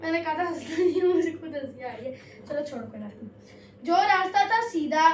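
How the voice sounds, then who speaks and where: A woman teaching an Urdu class, scolding students strictly and reading verse lines slowly. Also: sits high, expressive, roomy sound, distant mic, slight background noise. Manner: slow drawn-out verse reading. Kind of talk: classroom lesson.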